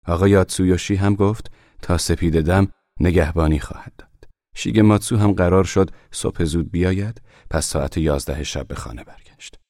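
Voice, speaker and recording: Deep-voiced male audiobook narrator, calm and measured, dry close sound. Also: no echo. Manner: calm, measured, soft-spoken reading. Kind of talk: scripted narration.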